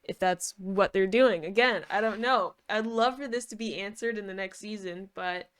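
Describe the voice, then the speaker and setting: A woman's voice: medium pitch, normal speed, clean tone. A woman giving casual, rambling video commentary, thinking aloud in an informal, hedging way. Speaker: video reviewer.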